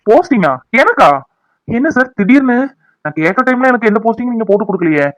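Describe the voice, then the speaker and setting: A veteran office worker in a cartoon drama turns down a promotion, sounding flustered and apologetic. His voice is high and quick. A man acts him out. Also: big pitch swings, a bit bright, no room sound, lo-fi sound, full character voice. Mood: reluctant. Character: long-serving office worker, flustered and reluctant.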